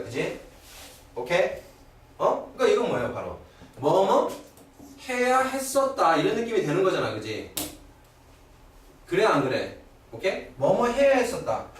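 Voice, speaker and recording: Middle-aged male grammar teacher, lively up-and-down delivery, fairly high voice, keeps checking in with the class, picked up from afar in a very echoey room. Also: far from the mic. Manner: keeps checking in with rhetorical questions. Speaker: English teacher. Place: classroom at a cram school.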